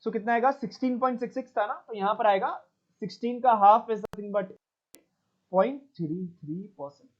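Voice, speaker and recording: A man's voice: high-pitched, normal speed. Man teaching math over a dull call. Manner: mixes Hindi and English, checks in with students often. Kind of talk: online class lesson.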